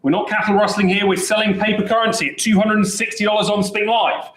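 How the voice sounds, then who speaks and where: A man working as an auctioneer, calling bids at a brisk pace with chatty, joking patter. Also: high-pitched, steady tone, a bit bright, echoey room, low-quality recording. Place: auction saleroom.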